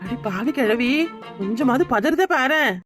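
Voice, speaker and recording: A woman's voice: a little high, lively intonation, measured pace, over music. A woman with a southern Tamil accent, making mocking, sarcastic comments on a cartoon scene. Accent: southern Tamil Nadu. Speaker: comic commentator.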